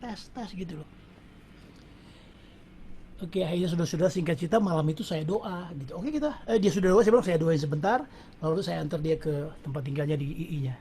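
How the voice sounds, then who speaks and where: A man's voice: a little high, fast, warm tone, a little hiss or hum. Man sharing a conversational church testimony. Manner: conversational storytelling, addresses audience as brothers and sisters. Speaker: testimony speaker at prayer meeting. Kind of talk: casual spoken testimony.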